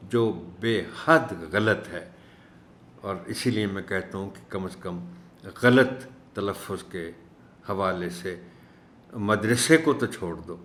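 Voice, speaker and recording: A man teaching an Urdu lesson for teachers, speaking in a measured way and slowing down to stress each word he corrects. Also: low voice, a bit bright, slight background noise. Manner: measured, stresses words slowly when correcting pronunciation. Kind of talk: instructional video lesson. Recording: echoey room.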